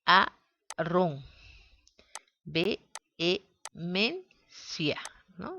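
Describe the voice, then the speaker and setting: Woman teacher going slow over syllables, kinda lower voice, dull lo-fi audio. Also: gravelly. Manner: slow, deliberate, spells out syllables. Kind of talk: grammar lesson.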